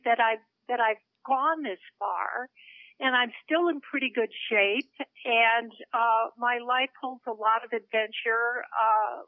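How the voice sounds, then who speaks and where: A woman's voice: a little high, no room sound. A woman in her seventies, a guest on a radio interview, speaking earnestly over the phone with small laughs between her points. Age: 70s. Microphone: telephone. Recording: narrow phone line.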